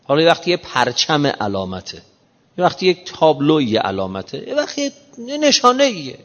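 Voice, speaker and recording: A man giving an emphatic sermon in casual everyday speech, slowing down to recite scripture. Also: a little high, huge pitch swings, fairly bright tone. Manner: emphatic, quotes scripture in slow measured recitation; colloquial, explains modern slang. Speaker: preacher. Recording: muffled reverberant hall recording.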